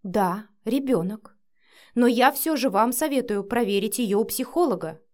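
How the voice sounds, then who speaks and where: A woman voicing a cautious middle-aged nanny in an audiobook, speaking in a measured, dry way. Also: on the high side, animated, a little mellow, close to an everyday voice. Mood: guarded. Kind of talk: audiobook character voice.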